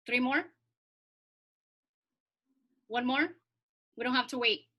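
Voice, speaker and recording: A woman's voice: high voice, slow pace, lo-fi sound. A woman hosting a group discussion over a video call, upbeat and prompting others to join in. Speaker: forum host.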